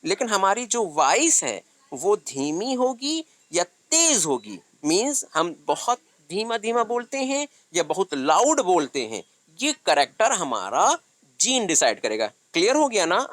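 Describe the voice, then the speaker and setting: A man's voice: high-pitched, pushed and bright, dry recording. A man teaching biology in an online lecture, mixing English terms into his explanations and asking questions he answers himself. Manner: asks questions and answers them himself, often says "thik hai"; mixes English terms into Hindi.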